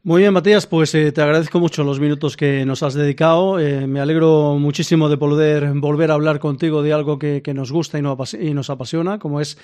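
A man's voice: fairly high pitch, steady tone, brisk, hardly any pauses, darkish tone. A man with an accent from Spain presenting live radio spontaneously as the host. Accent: Spanish from Spain.

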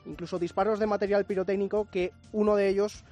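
A man gives a radio news briefing in a clear, factual manner. His voice is pitched quite high for a man, with faint music playing underneath. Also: level tone, quick pace, warm tone. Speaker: news desk reporter. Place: radio studio.

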